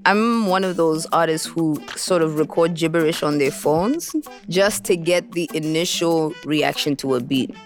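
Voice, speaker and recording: Animated woman artist telling a studio story. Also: sits low, a little slow, over music. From Botswana. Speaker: recording artist. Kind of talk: interview about making a song.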